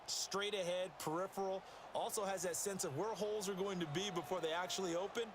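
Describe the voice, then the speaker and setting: Male color commentator, fast-talking and explanatory, slightly high voice, loud game ambience underneath actor role. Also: fairly even intonation, background noise, lightly acted. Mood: analytical. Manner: explanatory, chatty. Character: talkative male football analyst, explaining plays to partner.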